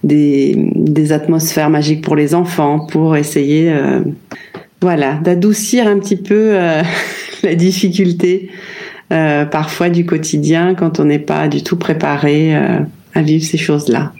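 A French woman in her fifties answering interview questions about her life and work, thoughtful and hesitant, with many pauses and restarts. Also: sits low, fairly even intonation, warm tone. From France. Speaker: brand founder, guest.

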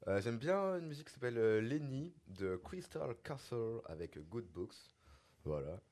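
A man's voice: mid-range voice, very animated, moderate pace, darkish tone. A young man as a podcast guest, chatting in an offhand, jokey way. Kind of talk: casual podcast chat.

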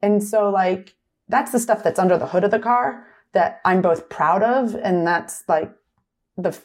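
A middle-aged woman being interviewed about her work, talking quickly with lots of "like" and "right?" tag questions. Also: medium pitch, darkish tone. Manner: fast, filler-heavy, tag questions like "right?". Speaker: retail executive guest. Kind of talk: conversational interview.

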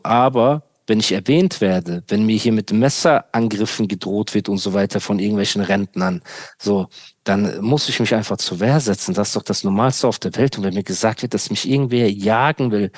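A man's voice: on the low side, moderate pace, dry recording. A young man hosting a podcast, ranting sarcastically in casual chat full of street slang. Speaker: podcast host.

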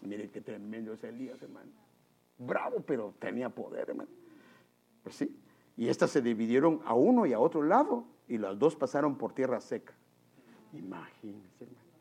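A man's voice: medium pitch, husky. A man preaching a sermon, telling stories and repeatedly calling his listeners brother. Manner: animated, addresses the congregation as brother. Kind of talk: sermon with storytelling.

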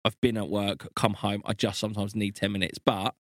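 A man's voice: lowish voice, flat delivery, a little fast, dry recording, clean studio sound. A young man co-hosting a podcast with his partner, easygoing and teasing. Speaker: podcast co-host. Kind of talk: casual chat.

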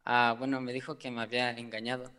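A man's voice: mid-range voice, flat delivery, fast talker, pushed and bright, clear, resonant tone. Hesitant man laughing nervously. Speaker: guest. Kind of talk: conversational personal talk. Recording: long reverb.

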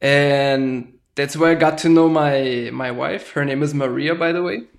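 A man, a farmer guest talking casually and haltingly, often ending with "right?". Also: a little high, fairly even intonation, creaky. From Germany. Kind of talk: casual interview talk.

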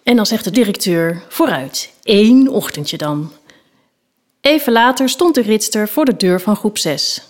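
A woman, the author of a children's book, reading a story from it aloud in a lively storytelling manner. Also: medium pitch, moderate pace, few pauses.

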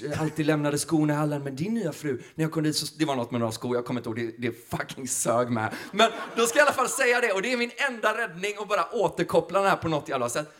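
A man, a comedian, telling a story in an animated way, laughing and acting out the people he quotes. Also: on the high side.

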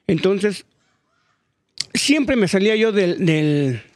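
An older man with a Mexican accent, a DJ telling stories in a casual studio interview, slangy and animated. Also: sits high, slow pace, no echo. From Mexico City. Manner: animated, slangy, acts out quoted voices. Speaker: DJ guest. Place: radio studio.

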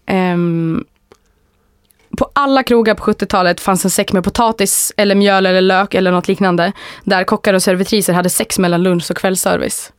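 A woman's voice: medium pitch, steady tone, clear, resonant tone, no room sound, studio quality. A woman with a Stockholm accent telling anecdotes in a frank, colloquial way as a podcast co-host. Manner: frank, colloquial, crude humour. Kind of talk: casual chat, telling anecdotes.

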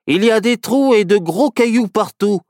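A man's voice: high voice, moderate pace, darkish tone, no echo, studio quality, pitched above the performer's own voice, close to an everyday voice. A man voicing a level-headed young man who doubts and protests, in a storybook reading. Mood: skeptical. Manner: reasoning, protesting.

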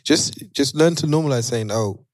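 A man's voice: medium pitch, normal speed, no room sound, studio quality. A man in a casual podcast discussion, reflective and feeling for his words. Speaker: podcast panellist.

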